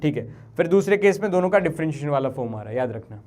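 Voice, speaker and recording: A young man teaching physics in a live online class. He talks to his students like younger siblings and reads equations out slowly. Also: fairly high pitch, expressive. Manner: talks to students as family, drops into soft apologetic tones; mixes Hindi with English formula terms, reads equations slowly.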